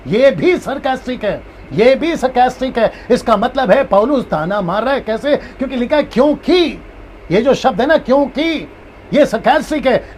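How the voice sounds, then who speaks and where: A man's voice: extremely high pitch, slight background noise. A man preaching as a pastor in a live-streamed Bible teaching, who repeats his key points and acts out different tones of a phrase.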